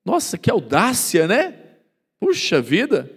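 Male pastor, sermon, animated pitch swings, emphatic delivery. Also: takes it slowly, creaky, husky. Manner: emphatic preaching, rhetorical questions, acts out quoted voices. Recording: long hall reverb.

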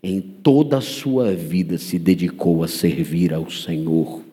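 Husky-voiced Brazilian preacher in a reverberant hall. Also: male voice, slow. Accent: Brazilian Portuguese. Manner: animated storyteller, swings into high voices. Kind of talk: sermon storytelling.

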